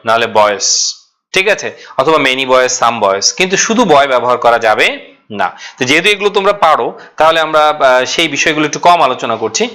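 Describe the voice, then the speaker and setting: Bright-voiced man teaching grammar. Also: mid-range voice. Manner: explains step by step, asks and answers own questions, repeats key points. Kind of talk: online class lecture.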